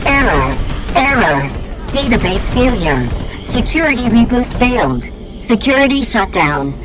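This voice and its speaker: A woman's voice: on the high side, very animated, a little slow, rough recording. A woman voicing a malfunctioning female security computer that stutters out error alerts in clipped automated announcements. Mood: glitching. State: glitching, repeating error alerts. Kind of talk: video game cutscene voice acting. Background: loud game music.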